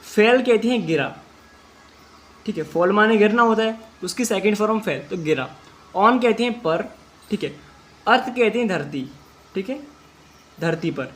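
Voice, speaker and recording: A man teaching an English class, reading English sentences slowly word by word and then explaining each word step by step. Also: sits high, lively intonation, fairly bright tone. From India. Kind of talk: classroom translation lesson.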